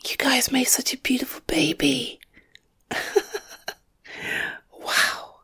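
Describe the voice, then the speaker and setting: A woman speaking in soft, hushed whispers, gently reassuring as she plays a visiting friend in an ASMR roleplay. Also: high-pitched, steady tone, takes it slowly, breathy edge. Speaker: ASMR creator.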